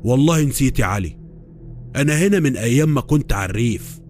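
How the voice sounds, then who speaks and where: A man voicing an older, kindly but stern army sergeant, in an Egyptian Arabic accent and a calm, plain way of talking. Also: mid-range voice, fast, faint music behind, close to an everyday voice. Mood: fatherly.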